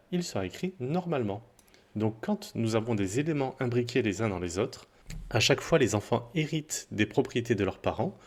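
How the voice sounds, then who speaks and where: A man explaining a coding tutorial in a relaxed, chatty way, with small asides and self-corrections. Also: medium pitch, breathy edge. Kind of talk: screen-recorded coding tutorial.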